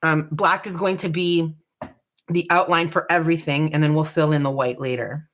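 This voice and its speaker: A woman hosting a live dot painting tutorial, chatty and relaxed, joking about her own nerves. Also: low voice, moderate pace. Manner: chatty, relaxed, self-deprecating. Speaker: craft tutorial host.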